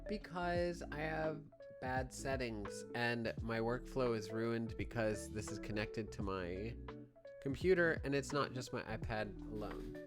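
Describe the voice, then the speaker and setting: A man chatting casually while drawing, playful and mock-dramatic, his volume swinging between loud and quiet. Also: medium pitch, a little slow. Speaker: co-host drawing on stream. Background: music.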